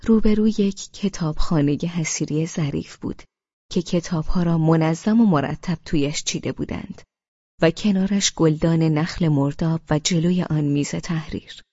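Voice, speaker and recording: A woman narrating a novel in the first person, with expressive storytelling. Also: deep voice, no room sound, dull audio. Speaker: audiobook narrator.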